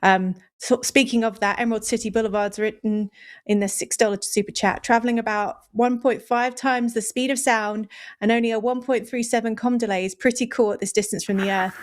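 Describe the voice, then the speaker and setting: A woman's voice: on the high side, fairly even intonation, brisk. A woman hosting live commentary in a casual, chatty way, passing on viewers' questions. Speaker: livestream host.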